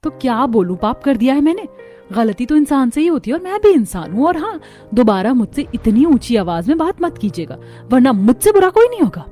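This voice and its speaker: A sharp-tongued young daughter-in-law in an animated household story. She snaps back quickly and loudly, in a somewhat high voice. Soft music plays behind her. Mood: indignant.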